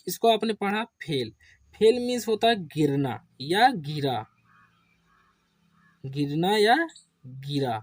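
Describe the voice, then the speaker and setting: A man teaching an English spelling lesson to children, asking questions and answering them himself in a lower voice. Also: no room sound. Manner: addresses viewers as children. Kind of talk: slow classroom-style spelling lesson.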